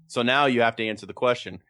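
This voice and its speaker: A man co-hosting a casual comedic chat, building absurd bits in a deadpan storytelling manner. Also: medium pitch, brisk, no room sound, clean studio sound. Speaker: podcast co-host.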